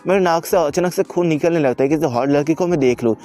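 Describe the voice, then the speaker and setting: A man voicing a cocky, blunt young male hero who talks roughly and sarcastically. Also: on the high side, quick pace, mellow, faint music behind, close to an everyday voice. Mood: casual. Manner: rough, teasing, exasperated.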